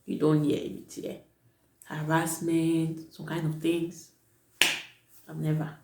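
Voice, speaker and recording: This international-school teacher vlogs casual advice for prospective students, chatty and emphatic and prone to revising sentences midway. Her voice sits low and dark, monotone, and she takes it slowly, with the echo of the room audible.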